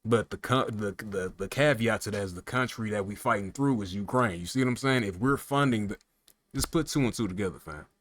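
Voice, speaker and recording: A man's voice: lowish voice, fairly quick, a bit bright. A man delivering a profane, heated political rant, firing rhetorical questions at the listener. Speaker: political commentator.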